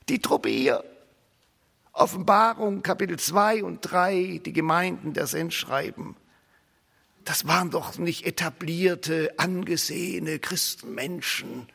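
A man delivers a sermon with a high, lively voice that climbs and drops sharply. His tone is bright and gravelly with a husky edge. He repeats phrases for emphasis and drops to near-whispers between loud declarations. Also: long reverb tail. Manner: emphatic, repetitive, dramatic swings between loud and hushed. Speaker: preacher.

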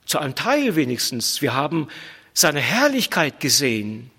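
A man preaching a sermon with emphatic repetition, slowing down on key words. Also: a little high, very animated, sharp tone, breathy edge. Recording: long reverb of a large hall.

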